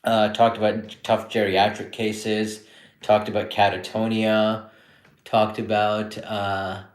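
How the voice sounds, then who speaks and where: A man in his thirties talks casually through a live-stream Q&A as a psychiatrist, relaxed and chatty, restarting his sentences often. His voice sits fairly low. The room around him is echoey. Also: takes it slowly. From born in India, grew up in Canada. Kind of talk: casual live-stream chat answering viewer questions.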